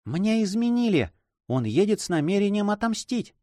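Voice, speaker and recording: Anxious young noblewoman, read by a man, high-pitched and pleading, emotional storybook sister. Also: very animated, normal speed, a little mellow, no echo, clean studio sound. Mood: desperate.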